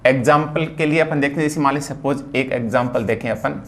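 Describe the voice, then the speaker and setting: A man's voice: mid-range voice, fairly even intonation, quick pace. A man from India teaching a phonetics lesson, explaining patiently and spelling out words sound by sound. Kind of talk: phonetics lecture.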